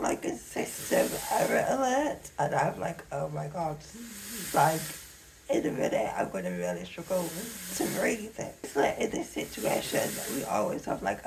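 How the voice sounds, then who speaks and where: A young woman tells a personal story in a chatty, animated way. Her voice has a gravelly edge, and her pitch swings widely as she talks. A steady hiss runs under the recording. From Leeds, England. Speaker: vlogger. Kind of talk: casual storytime.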